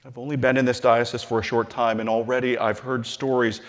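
A middle-aged man, a bishop, delivering a measured, earnest sermon-style address from a lectern in a large hall. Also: mid-range voice, flat delivery. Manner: measured and earnest, slowing and softening on scripture.

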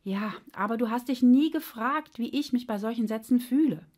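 A woman voicing a wise, patient heart that explains things gently and sometimes grumbles. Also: a little high, normal speed, pitched above the performer's own voice, lightly acted.

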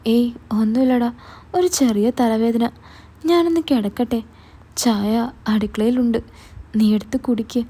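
A woman's voice: on the high side, unhurried, long pauses, warm tone, slightly rough. A woman voicing a troubled middle-aged mother in a spoken story, with a pleading, weary manner.

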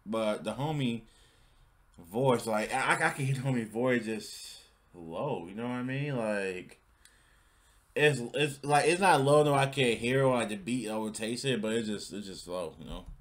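A man's voice: medium pitch, moderate pace. A man giving casual, rambling reaction commentary, with lots of slang and repeated words. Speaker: reaction video host.

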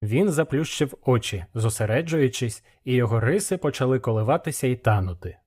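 Steady male audiobook narrator. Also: medium pitch, brisk, breathy edge. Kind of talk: first-person audiobook narration.

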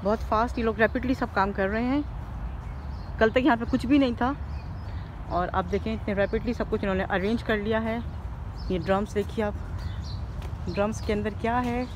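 A woman's voice: on the high side, normal speed, pauses often, a little hiss or hum, low-quality recording. A middle-aged woman vlogging outdoors in a park, chatty and cheerful, filming herself on a handheld phone camera and switching between English and Hindi. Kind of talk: casual vlog chat.

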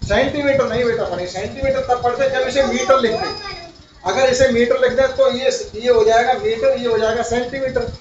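A man's voice: very high-pitched, normal speed, crowd noise. A male primary school teacher giving a classroom lesson, asking his pupils questions and repeating their answers. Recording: roomy, far-off, dull, slightly noisy.

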